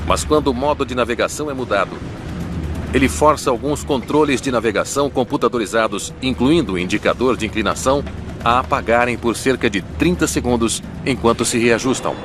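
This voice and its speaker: A man's voice: medium pitch, fairly quick. Brazilian guy narrating a dramatic documentary, scripted, music going behind him. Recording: studio voice-over with music bed.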